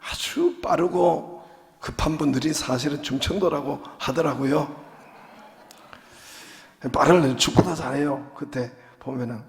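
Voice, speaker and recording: A male pastor preaching to his congregation in a slightly high voice, chatty and joking, often pausing on little fillers. The sound carries a long church-hall reverb behind it. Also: a little mellow. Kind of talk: sermon. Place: church sanctuary.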